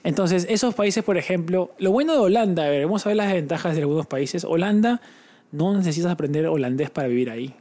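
A man co-hosting a relaxed podcast conversation. His voice sits a little high yet sounds mellow and soft-edged. He tells stories with lively energy and slips into playful imitations of foreign speech. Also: fast talker. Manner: animated storyteller, mimics foreign languages. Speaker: podcast co-host. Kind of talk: casual chat.

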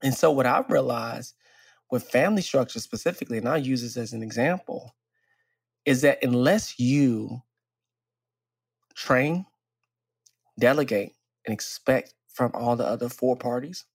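Gravelly guy ranting on a podcast, keeps saying right?, dry sound. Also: medium pitch, a little slow, long pauses, dry recording. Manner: preachy, emphatic, keeps asking "right?". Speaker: podcast co-host. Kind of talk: casual chat.

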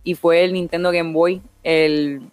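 A woman's voice: fairly low pitch, level tone, unhurried, a little mellow, clear, resonant tone, no echo, faint music behind. A young woman from Puerto Rico with a Puerto Rican accent, a streamer chatting casually as an interview guest, laughing often and mixing in English words. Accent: Puerto Rican Spanish.

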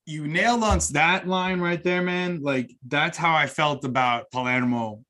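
A man hosting a podcast interview, excitably stacking repeated words as he builds his questions. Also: fairly high pitch, a little slow. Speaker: podcast host. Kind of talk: casual interview chat.

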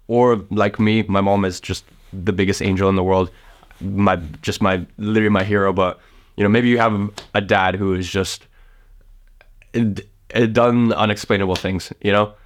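A young man in his late teens from the south of Russia, giving casual motivational advice to camera, rambling and swearing often. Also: lowish voice. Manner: rambling, swears often, heavy use of fillers. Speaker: vlogger giving life advice.

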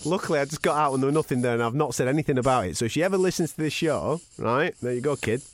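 A man's voice: mid-range voice, expressive, very fast, dry recording. A man in his thirties with a Northern English accent, telling anecdotes in a blokey, matey, sweary way in casual chat. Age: 30s. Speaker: podcast host.

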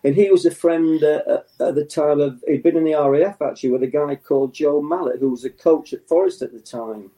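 An older man from England, a former footballer being interviewed, reminiscing in a halting way with many restarts and chuckles. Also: fairly high pitch, mellow, low-quality recording.

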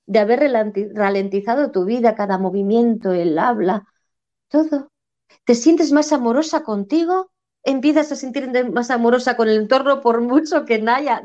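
A woman's voice: on the high side, a little mellow. Earnest woman from Spain, lo-fi. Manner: earnest, reflective, repeats phrases for emphasis. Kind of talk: spiritual conversation. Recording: dull lo-fi sound.

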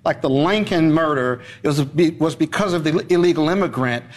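A man's voice: on the high side, fairly quick. A man speaking as a panel guest in a heated political debate, pushing back hard. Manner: argumentative, pushes back hard.

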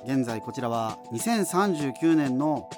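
Lightly acting over music, a medium-pitched man with lively intonation talks a little slowly as a solo amateur radio host in a doomed future. It's a scripted radio drama, and his conversational monologue is chatty and rambling, with self-interruptions, digressions, and casual asides.

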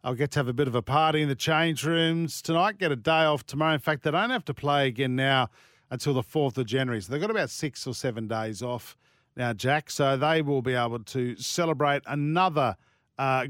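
A man's voice: mid-range voice, a bit bright, no echo, clean studio sound. An Australian man hosting casual sports radio, emphatic and given to repeating himself. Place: dry radio studio.

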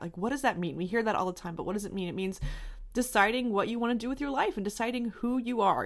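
A young woman hosting a podcast interview, bubbly and quick to laugh, often speaking straight to her listeners. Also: a little high. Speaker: podcast host. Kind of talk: casual interview chat.

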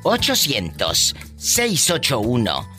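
A man hosting a radio call-in show, teasing callers with flamboyant, quick jokes. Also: mid-range voice, wildly swooping pitch, over music. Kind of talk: playful radio call-in banter.

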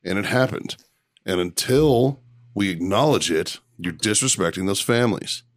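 A man's voice: lowish voice, lively intonation, moderate pace, dry recording, studio quality. A man in his forties, a podcast host talking casually and bluntly, swearing often. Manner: profane, blunt. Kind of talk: casual chat.

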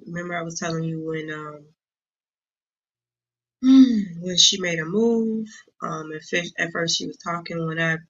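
A woman speaking as an interview guest, telling her story haltingly with many pauses and ums. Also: lowish voice, muffled recording. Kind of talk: casual interview talk.

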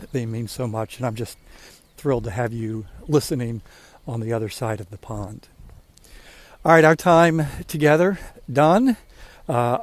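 A man's voice: medium pitch, darkish tone, dry recording. A man in his sixties hosting a walking podcast, chatting casually and rambling a little as he walks outdoors. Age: 60s. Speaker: podcast host. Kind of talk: casual talk while walking. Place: outdoors on a walk.

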